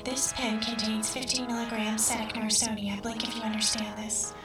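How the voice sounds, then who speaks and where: Woman as a monotone covert rescuer, flat and measured, echoey and far off, loud music behind. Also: a little high, lightly acted. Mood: flat instructing. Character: calm female rescue-team voice giving covert instructions.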